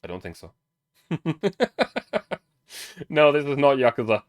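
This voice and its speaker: A man's voice: medium pitch, expressive, unhurried, narrow, tinny audio. A German man with a German accent, streaming as he reads a game's story aloud and chats about it. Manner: chatty, self-interrupting, laughs. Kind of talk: reading game story aloud with commentary.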